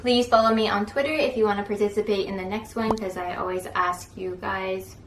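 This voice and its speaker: A woman's voice: mid-range voice, fairly even intonation, brisk. A young adult woman vlogging at home in a casual, chatty way, with lots of "like" fillers. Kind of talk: casual vlog chat. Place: home, indoors. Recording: roomy echo, distant from mic, faint noise.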